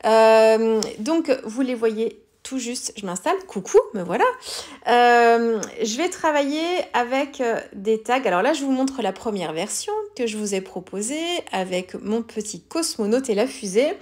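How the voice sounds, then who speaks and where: Middle-aged woman, slightly high voice, relaxed chatty tutorial delivery with frequent hesitations. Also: unhurried. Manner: chatty, many hesitations and fillers. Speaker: scrapbooking tutorial maker. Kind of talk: casual craft tutorial.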